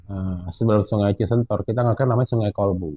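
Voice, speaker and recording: A man casually telling a true story from a mountain hike, growing animated and high as it gets tense. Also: fast talker, slight background noise. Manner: animated, rising pitch when excited, Jakarta slang. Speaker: storyteller guest.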